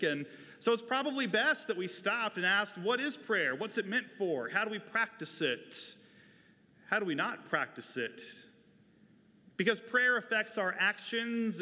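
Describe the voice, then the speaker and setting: This is an American man in his forties, a pastor giving a sermon at the wooden pulpit of a large church sanctuary. He speaks with a fairly high, bright, forceful voice. A lapel mic picks him up amid the echo of the church hall.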